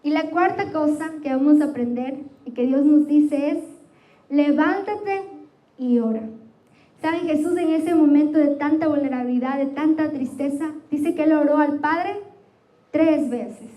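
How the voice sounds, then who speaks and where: Una mujer joven que predica un sermón con tono sincero y se dirige a menudo a los oyentes preguntando "¿sí?". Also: female voice, high voice, normal speed, mellow, poor audio. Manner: earnest, addresses listeners directly with frequent "¿sí?". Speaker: preacher. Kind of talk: sermon to a youth church.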